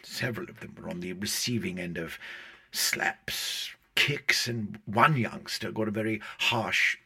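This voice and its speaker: A pompous, theatrical drama-club man, talking in a formal, grandly measured way in a mockumentary interview. His voice has a husky edge. It is pushed with a tense, forceful brightness. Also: lowish voice, heavily acted. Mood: grave.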